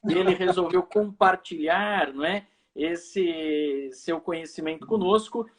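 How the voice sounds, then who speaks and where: Um professor de direito brasileiro apresentando uma live, falando de forma pausada e cortês. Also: male voice, high-pitched. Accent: Brazilian. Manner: measured, courteous. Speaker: host, law professor. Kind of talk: live video chat. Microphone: video call.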